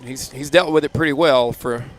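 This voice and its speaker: A man's voice: mid-range voice, moderate pace, slight background noise. A man doing casual color commentary at an outdoor football game, chatty and full of restarts and "you know"s.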